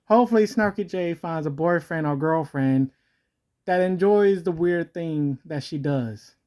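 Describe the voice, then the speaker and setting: In an unhurried, mellow voice altered by a morphing voice changer, a video host offers rambling comedic commentary. The style is jokey and self-correcting, with pitch that jumps around.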